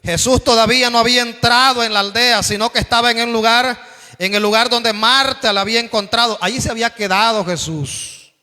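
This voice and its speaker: A man preaches with fervor in a very high, bright, forceful voice, pressing his point and addressing his listeners as brothers. At times he raises his voice almost to a shout. The sound carries a long, echoing reverb from a hall. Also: fairly even intonation, brisk. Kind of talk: sermon.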